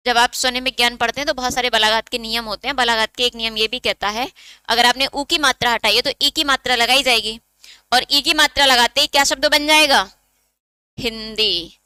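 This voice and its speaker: A woman's voice: fairly high pitch, steady tone, fairly quick, sharp tone, smooth, no room sound. A woman teacher giving an exam-prep lesson, explaining step by step and asking her students questions that she answers herself.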